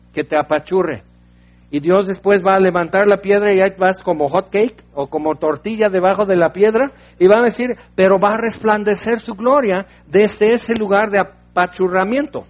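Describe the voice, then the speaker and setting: A man preaching a sermon, swinging from quiet hushed passages to loud exclamations. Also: high voice. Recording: dull lo-fi recording.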